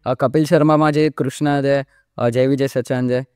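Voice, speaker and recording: A medium-pitched, clear and resonant voice at normal speed belongs to a young man in his early twenties, a mimicry artist from India. Guesting on a podcast, he explains things casually, frequently adding English fillers such as "like." It's studio quality, with no echo.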